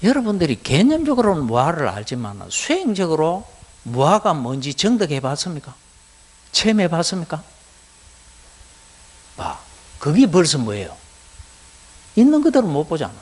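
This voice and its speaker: A middle-aged man with a Gyeongsang accent giving a Buddhist lecture to lay students, keeping it animated by asking the class rhetorical questions. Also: a little high, moderate pace, pauses often, breathy edge. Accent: Gyeongsang Korean.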